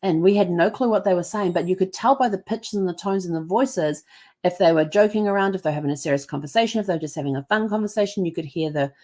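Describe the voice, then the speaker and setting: She talks quickly, her voice fairly low and a little mellow. The speaker is a middle-aged host from New Zealand with a blended Kiwi-American accent, rambling through casual travel stories with a chatty stream of ums, restarts and character voices for others.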